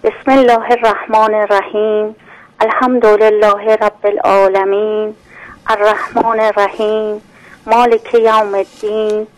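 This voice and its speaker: Woman caller reciting over a phone line. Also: medium pitch. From Tehran, Iran. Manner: polite, steady recitation. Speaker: radio caller. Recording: phone line into a radio show.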